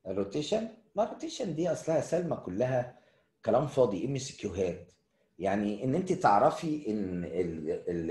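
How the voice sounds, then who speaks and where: A man's voice: lowish voice, dark tone, reverberant. A middle-aged man with an Egyptian Arabic accent giving a casual surgery lecture, chatting to students and answering their questions.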